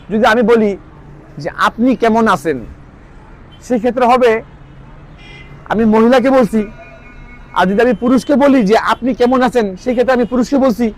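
A man, giving a casual spoken language lesson, repeating phrases slowly and checking that listeners follow. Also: sits high, a little mellow. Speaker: language teacher.

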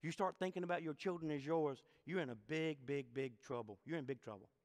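A man's voice: on the high side, brisk, darkish tone. A middle-aged man preaching a sermon as pastor, emphatic and repetitive, asking the congregation questions. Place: church sanctuary. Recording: long church hall reverb.

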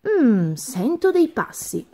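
A woman voicing a big male forest monster in a storybook reading, slow-witted and easily amazed. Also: fairly high pitch, very animated, warm tone, exaggerated voice. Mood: astonished.

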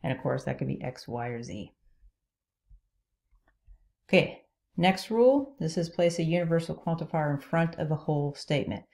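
Over a screen recording of slides, a woman teaches logic one rule at a time, pausing to ask "okay?". She has a deep, darkish voice with lively intonation and vocal fry, speaking at normal speed with long pauses.

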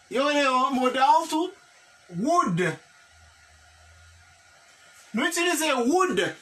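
Haitian teacher drilling grammar, slow and bright, mic a bit far off. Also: mid-range voice. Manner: drills examples slowly, checks in with "ok?" and "classe". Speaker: English teacher. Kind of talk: classroom grammar lesson.

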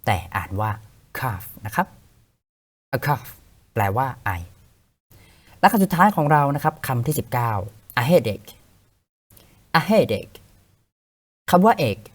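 A young man hosting a vocabulary lesson podcast, a clear, patient teacher who spells words out letter by letter. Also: mid-range voice, big pitch swings, takes it slowly, pauses often.

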